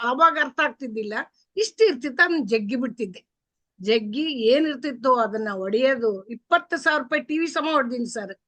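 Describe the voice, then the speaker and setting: High bright earnest woman, dry sound. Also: no echo. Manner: earnest, addresses the coach as sir. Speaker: client sharing her story. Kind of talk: personal testimony.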